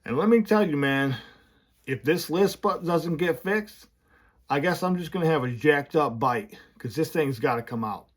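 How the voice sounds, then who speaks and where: A man's voice: fairly high pitch, normal speed. Man talking through new braces. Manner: candid, rambling, animated. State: slurred speech from new braces. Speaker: vlogger running a business. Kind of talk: casual vlog talk to camera. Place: his office.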